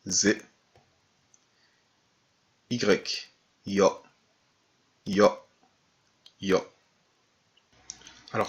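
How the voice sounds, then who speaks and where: A man teaching a language lesson online. He speaks slowly and carefully, repeats each sound three times and pauses with fillers when he explains. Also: lowish voice, fairly bright tone. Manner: hesitant explanations with fillers and restarts.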